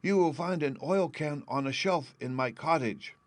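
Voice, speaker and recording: A man voicing a polite, grateful male tin woodsman in a storybook, in a high, strained, slow and sad tone. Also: no room sound, lightly acted. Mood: plaintive.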